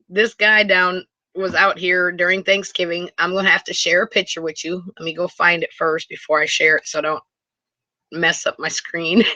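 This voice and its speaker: A woman from Wisconsin chatting live with viewers from inside her motor home. She rambles and restarts often and gets excited easily. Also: fairly low pitch, no room sound, dull audio. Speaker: live stream host. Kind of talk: casual live chat with viewers. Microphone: computer mic for a video hangout.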